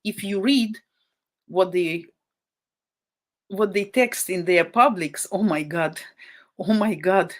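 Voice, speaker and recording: A Ukrainian woman whose native language is Russian chats on her live stream with a Ukrainian-Russian accent. Her mid-range voice is slow and pauses often, and she speaks bluntly and indignantly, repeating points for emphasis.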